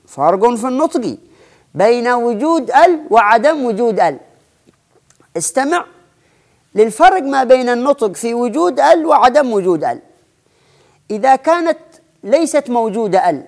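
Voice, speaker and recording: Man slowly teaching Arabic spelling. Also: very high voice. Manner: slow, deliberate, drawn-out example words, frequent restarts. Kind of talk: explanatory lesson.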